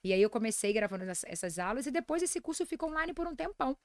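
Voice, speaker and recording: Brazilian woman, forties, podcast guest, fast animated storytelling, slightly high voice. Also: no echo, clean studio sound. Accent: Brazilian Portuguese. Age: 40s. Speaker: guest nutritionist and lecturer. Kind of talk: casual podcast interview.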